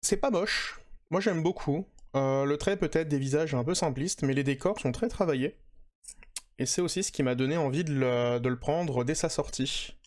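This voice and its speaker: A man's voice: a little high, normal speed, darkish tone. A man hosting a casual manga podcast, chatting with lots of hesitations and fillers. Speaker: podcast host.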